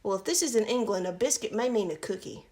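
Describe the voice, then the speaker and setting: On a livestream, a woman reads a children's picture book aloud in an expressive, quick, medium-pitched voice with a darkish tone. Her asides are chatty, casual, and informal.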